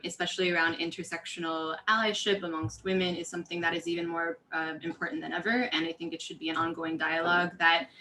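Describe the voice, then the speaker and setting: A woman's voice: on the low side, bright, forceful tone. A woman from California, a diversity and inclusion coach speaking on a webinar panel in an earnest, conversational way with many fillers and restarts.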